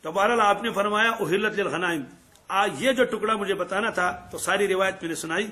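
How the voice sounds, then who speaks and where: A man teaching a hadith lesson as a lively storyteller. He asks his listeners questions and answers them himself, and recites Arabic verses. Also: high voice. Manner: acts out quoted dialogue in changed voices. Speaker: Islamic scholar teaching hadith.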